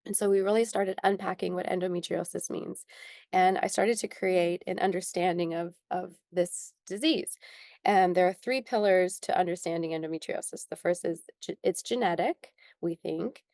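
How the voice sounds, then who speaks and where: Gravelly-voiced woman telling her story. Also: on the low side, normal speed, a little mellow, dry recording. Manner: earnest, tearful at moments, many ums. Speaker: skincare founder, interview guest. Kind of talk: emotional personal story in a sit-down interview.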